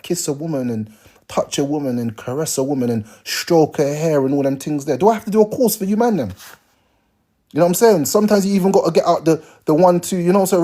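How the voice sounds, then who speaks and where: A man's voice: a little high, warm tone. A young man, giving blunt, slangy advice to viewers on a casual livestream. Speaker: live streamer.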